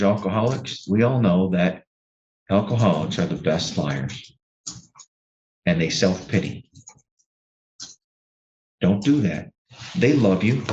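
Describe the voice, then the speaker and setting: A man serving as a judge, sentencing a defendant from the bench in a courtroom, blunt and lecturing, with halting restarts. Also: low-pitched, a little mellow, lo-fi sound.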